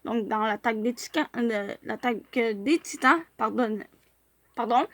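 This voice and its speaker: Woman vlogging, kinda high voice, super slow and halting, lots of ums, dry room. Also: dry recording. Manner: hesitant, many filler sounds and restarts. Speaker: YouTuber reviewing fan profiles. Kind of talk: casual vlog commentary.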